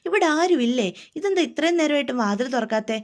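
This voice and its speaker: A determined young woman, voiced by a woman narrator who is impatient and bold. Her voice is high and confident. This is storybook narration. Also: lively intonation, fast talker.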